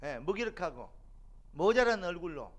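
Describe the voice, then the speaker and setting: A middle-aged man preaching a sermon as a pastor in a church, building to loud, emphatic peaks. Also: high voice, big pitch swings, normal speed. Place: church sanctuary.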